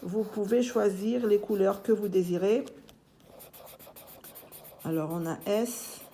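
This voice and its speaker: A woman teaching young children to read, slowly and deliberately repeating each syllable and word, gently firm with her pupils. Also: mid-range voice, creaky, slight background noise. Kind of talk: phonics lesson for young children.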